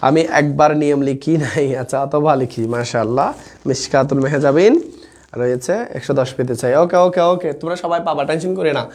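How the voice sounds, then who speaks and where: A young man hosts a live online exam-prep class, keeping things chatty and informal as he reads student comments and regularly checks in with everyone. His voice is on the high side and a little mellow, at a normal speed.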